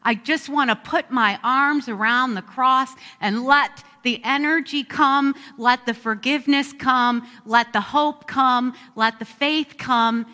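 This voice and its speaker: A woman pastor leads a slow, heartfelt prayer, her voice bright and clear. Each phrase hangs in the long reverb of a big church sanctuary. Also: sits high. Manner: slow, reflective, heartfelt praying. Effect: long echo of a large church hall. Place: church sanctuary during a service.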